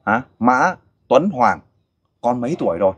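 A middle-aged man hosting a casual interview, coaxing and animated as he questions a child and a father. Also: mid-range voice, normal speed, slightly rough. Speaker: host interviewer for a volunteer group.

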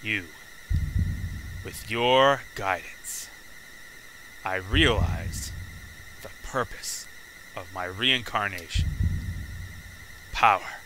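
A man voicing a cold, eerie reawakened human spirit in a slow, hushed, ominous delivery. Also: on the low side, background noise, voice pushed down.

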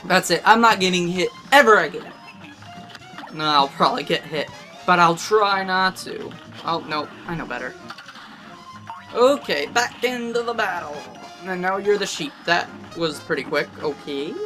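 A let's play gamer giving excitable gameplay commentary and exclaiming often while playing. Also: mid-range voice, normal speed, music in the background.

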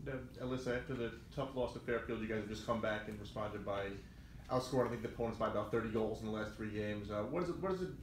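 A male reporter fires off questions quickly, stumbling in with an uh now and then. The room gives his voice a clear echo. Light noise sits under it. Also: fairly low pitch. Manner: quick, with uhs. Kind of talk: asking press questions.

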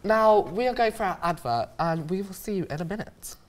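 A man's voice: high voice, lively intonation, fairly quick. A young man presenting a talk show in a campy drag queen manner, reading scripted links and questions. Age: young adult. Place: small TV studio set, indoors.

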